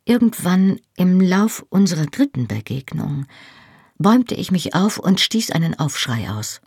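Female audiobook narrator: measured first-person storytelling, slow, husky, close mic. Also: fairly low pitch, sing-song, darkish tone, no room sound.

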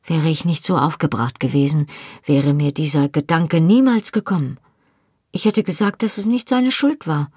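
A woman narrates a novel in the first person with a measured, dramatic delivery. Her voice is low and husky. It is recorded close and dry on a studio mic. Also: dark tone, no room sound. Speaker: audiobook narrator.

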